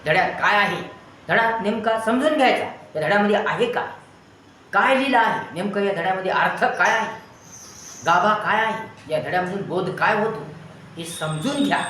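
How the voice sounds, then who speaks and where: In a very echoey room with faint ambience and slight background noise, a teacher earnestly motivates his students, running through long lists of advice again and again. His voice is on the high side, pushed and bright.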